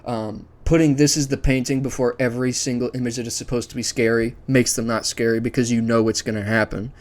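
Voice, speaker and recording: The host of this series-list ranking video is a man with a medium pitch, level tone, and quick pace. He thinks aloud in a loose, unscripted, conversational manner while sharing his opinions.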